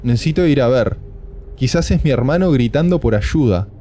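A man joking and fretting his way through horror game commentary. His voice is mellow and dark at an ordinary pitch. Faint noise sits behind it. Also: expressive, moderate pace. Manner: joking, nervous and talkative. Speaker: gaming video creator.

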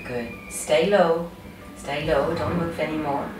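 A woman instructing a prenatal yoga class with calm, encouraging cues. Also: sits low, unhurried. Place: yoga studio. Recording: echoey room from far off, music behind.

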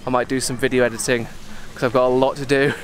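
A young man in his twenties, chatting in a relaxed, upbeat way as he vlogs outdoors with a camera held at arm's length. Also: mid-range voice, quick pace. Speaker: travel vlogger. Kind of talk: casual travel vlog. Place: outdoors in a park and jungle trail.

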